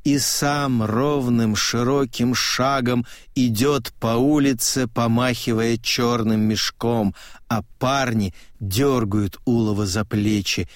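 Slow, measured male audiobook narrator. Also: mid-range voice, dry recording, clean studio sound. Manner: measured, repetitive, calm. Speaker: audiobook reader.

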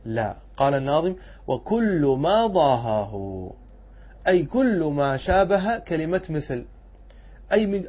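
A male scholar giving a classroom lesson, asking and answering his own questions and repeating examples slowly. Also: fairly high pitch, highs cut off. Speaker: Islamic scholar teaching rhetoric. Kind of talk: classroom lesson explaining a poem.

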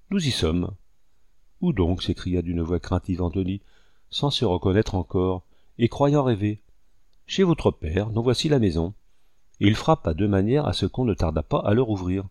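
Male storybook reader: low, warm, mellow tone, calm and measured narration. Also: no room sound, clean studio sound. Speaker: audiobook reader. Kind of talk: scripted narration.

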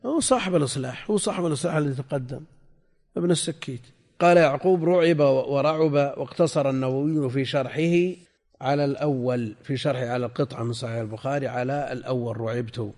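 An older man teaching a classical text lesson, reading passages slowly, repeating and spelling out word forms, and putting questions to his students. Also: mid-range voice, darkish tone. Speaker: sheikh teaching hadith commentary. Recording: lecture hall with long reverb.

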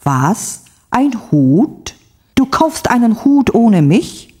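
A woman reading the part of a jealous wife, vain about her taste and quick to protest. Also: fairly high pitch, very animated, a little mellow, breathy edge, pitched above the performer's own voice, heavily acted. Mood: indignant. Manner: indignant, exclamatory.

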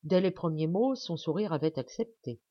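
Woman reading a story aloud, steady and calm, dry dull mic. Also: sits low, normal speed, dry recording. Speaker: audiobook reader. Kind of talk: literary audiobook narration.

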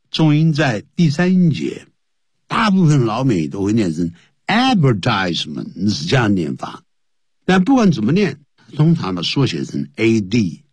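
A man's voice: mid-range voice, breathy edge, no echo. A man teaching English on the radio, explaining phrases in Chinese and spelling words out letter by letter.

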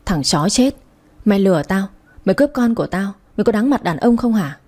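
A woman voicing a furious young mother who curses and shouts to get her baby back. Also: mid-range voice, animated, a little fast, lightly acted. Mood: screaming. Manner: shouting, cursing.

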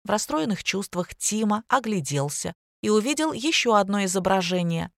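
Woman narrator, wry lively audiobook read, dry close sound. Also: medium pitch, moderate pace, creaky, no echo. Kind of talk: audiobook reading.

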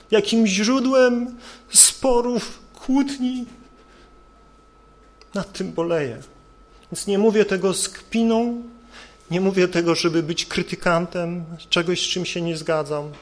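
A male preacher delivering an earnest sermon, building his points with rhetorical questions. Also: high voice.

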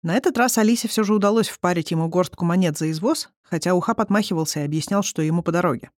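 An audiobook narrator reading a novel chapter in an even storytelling manner. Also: medium pitch, fast talker, dry recording, studio quality. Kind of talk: scripted narration.

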